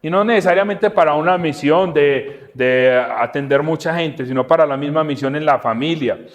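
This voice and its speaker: Male preacher, conversational Bible teaching, lively and questioning, slightly raised pitch. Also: normal speed, lo-fi sound. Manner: animated, asks the audience questions, acts out dialogue. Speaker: preacher and podcast host.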